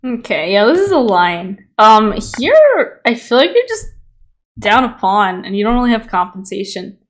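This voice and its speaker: A woman's voice: fairly high pitch, wildly swooping pitch, normal speed. Giggly woman streamer reviewing chess games. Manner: easily amused, breaks into giggles, chatty asides to viewers. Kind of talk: casual livestream game analysis.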